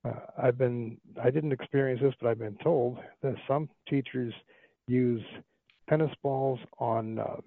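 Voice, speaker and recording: A man's voice: medium pitch, steady tone, a little slow, creaky, no room sound. A man calling in to a discussion, talking in a rambling way with frequent restarts. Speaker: caller. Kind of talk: casual phone-in talk. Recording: tinny phone line.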